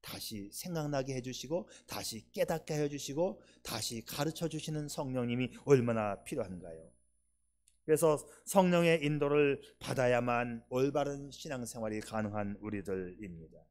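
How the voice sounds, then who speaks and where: A male pastor preaching a sermon, emphatic, swinging between loud stresses and soft asides, and putting rhetorical questions to the congregation. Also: medium pitch.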